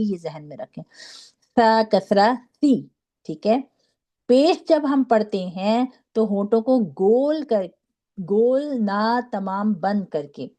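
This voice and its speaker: A woman teaching a Quran recitation class, patiently drilling syllables slowly and checking in with her students. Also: mid-range voice, mellow. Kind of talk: online class lesson.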